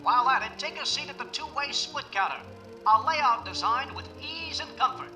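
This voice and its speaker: A man playing a peppy 1930s newsreel announcer, narrating in a brisk, showy promotional way over faint music. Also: very high-pitched, expressive, sharp tone, exaggerated voice. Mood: upbeat promotional.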